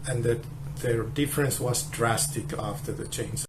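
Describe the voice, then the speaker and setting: Man, low-quality phone recording, mid-pitched, monotone, restarts often. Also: background noise. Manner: halting, with frequent restarts. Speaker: guitar tester. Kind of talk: explaining a measurement test.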